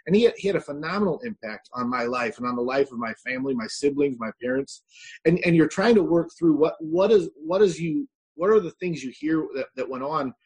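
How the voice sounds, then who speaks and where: A man with a Chicago accent, a pastor speaking as a podcast guest, halting and repeating words as he thinks. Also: a little high, expressive, a little mellow, breathy edge. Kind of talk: casual interview talk.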